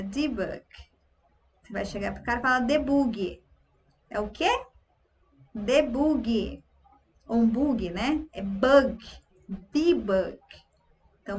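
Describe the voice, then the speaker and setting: A Brazilian woman with a Brazilian Portuguese accent, teaching English pronunciation in an online lesson by repeating words slowly. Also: fairly high pitch, a little hiss or hum.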